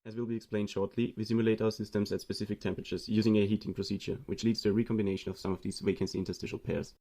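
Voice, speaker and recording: A young Austrian man reads aloud a presentation of his student research project, explaining it steadily. His voice is lowish and he speaks very fast.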